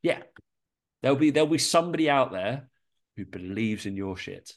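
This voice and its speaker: A podcast co-host with a medium-pitched, animated voice talks at normal speed in a casual chat. He's sweary and quick to laugh, and a lingering cold gives him a slightly nasal sound.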